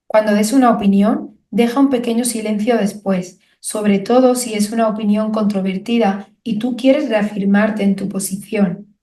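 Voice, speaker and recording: Woman from reading a how-to audiobook, calm measured teacher tone, bit of room echo. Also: medium pitch. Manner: clear, measured, didactic delivery with rhetorical questions. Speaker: audiobook narrator and author. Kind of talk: instructional audiobook narration.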